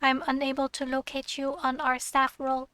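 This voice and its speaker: A woman's voice: sits high, monotone, normal speed, bright, forceful tone, no echo. A woman doing a stiff robot security voice. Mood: officious. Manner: reads lines aloud in a put-on robot voice. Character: flat robotic security guard checking staff clearance. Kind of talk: reading game dialogue aloud.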